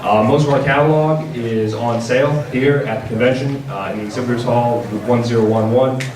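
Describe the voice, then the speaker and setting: A man hosts a panel in a large indoor convention room, speaking fairly quickly in a steady, medium-pitched voice. His informal product presentation is casual, wry and joking, captured on a distant mic with a roomy sound and an audible audience crowd.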